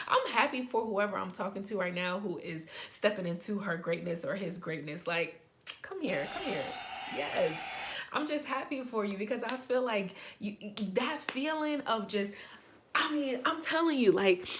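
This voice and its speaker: A young adult woman vlogger giving casual advice to the camera, talking excitedly and rambling, often stuttering and restarting. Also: medium pitch, a little hiss or hum.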